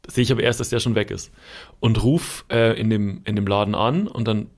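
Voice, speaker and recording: A man's voice: on the low side, steady tone, fairly quick. A man in his thirties co-hosting a casual podcast chat, rambling through a story with fillers and restarts. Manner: shouts out quoted lines when retelling. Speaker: podcast co-host.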